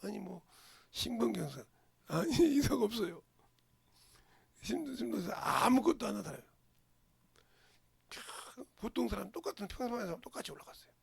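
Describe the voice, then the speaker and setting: Older pastor with a very gravelly voice. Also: male voice, sits high, big pitch swings, moderate pace, long pauses, dry recording. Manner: emphatic, swinging between loud outbursts and murmurs; rhetorical questions. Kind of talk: sermon.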